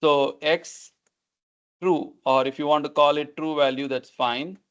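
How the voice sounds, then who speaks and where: Higher-voiced male lecturer on a video call. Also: steady tone, measured pace, fairly bright tone, smooth. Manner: didactic, repeats and checks understanding. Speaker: lecturer teaching numerical methods. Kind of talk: explanatory online class, questioning students. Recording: dull, lo-fi online meeting audio.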